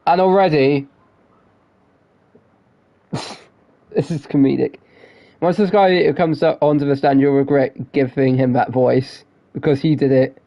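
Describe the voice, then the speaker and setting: A man's voice: mid-range voice, steady tone, unhurried, long pauses, highs cut off. A man streaming a game live, chatting in a rambling, giggly way that keeps interrupting itself. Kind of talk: live gameplay commentary.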